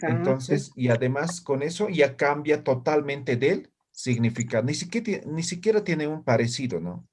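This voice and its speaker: A man's voice: a little high, expressive, normal speed, few pauses, a little mellow, a little hiss or hum. A male language teacher, giving a classroom lesson and checking in with his students after nearly every phrase. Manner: checks in constantly with short questions to students. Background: students answering in the room.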